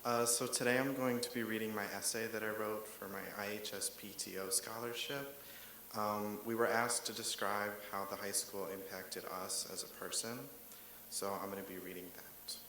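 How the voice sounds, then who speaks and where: A teenage male student reading his essay aloud to an audience, earnest and a little halting. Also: fairly low pitch, level tone, pushed and bright. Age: teens. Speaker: student speaker. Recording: very echoey hall with faint hiss.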